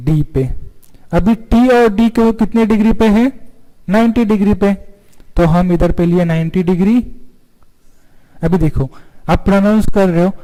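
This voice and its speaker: High-voiced man teaching with questions. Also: warm tone. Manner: asks the class questions and answers them himself; drawn-out single letters. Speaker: stenography teacher. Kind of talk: online lesson at a notebook. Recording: long hall reverb.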